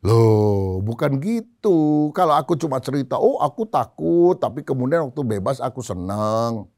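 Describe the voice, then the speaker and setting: A preacher acting out a proud male army general in a sermon story, switching between booming orders and low, gentle explanation. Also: sing-song, moderate pace. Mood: gently explaining. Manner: booming and commanding when angry, low and soft when explaining. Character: proud male army general, hot-tempered then teasing.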